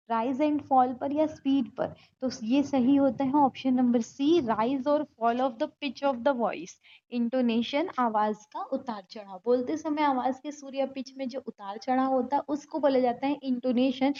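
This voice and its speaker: A woman with a high but mellow voice teaches an exam-prep lesson. She works through each question step by step and reads the English options out slowly. The sound is dull and lo-fi.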